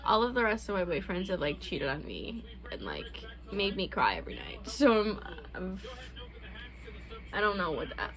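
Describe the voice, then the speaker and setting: A woman's voice: medium pitch, very animated, moderate pace, long pauses, fairly bright tone, rough recording. A young adult woman hosting a casual couple's Q&A vlog, chatting candidly with loose, profane phrasing. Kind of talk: casual chat.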